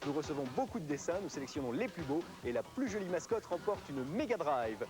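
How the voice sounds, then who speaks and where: Male French TV presenter, high pitch, scripted promotional read, music clearly behind. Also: sing-song, fairly quick. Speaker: TV video game show presenter. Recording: music under the voice. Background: prominent music.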